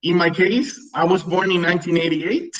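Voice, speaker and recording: A man's voice: high voice, moderate pace, fairly bright tone, muffled recording. A man in his thirties presenting a webinar for English teachers, explaining classroom tools with frequent "right?" check-ins. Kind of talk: online teacher-training webinar.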